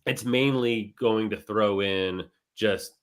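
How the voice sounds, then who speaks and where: A man with a lowish voice and slow pace co-hosts a casual talk show. In easy conversation, he explains things step by step.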